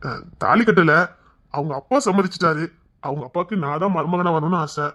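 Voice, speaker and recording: In an audio drama, a man with a fairly high voice plays a kind, devoted young husband-to-be waiting outside an exam hall, reassuring an older woman. He speaks fairly quickly, earnest and warm-hearted, with a light touch of acting.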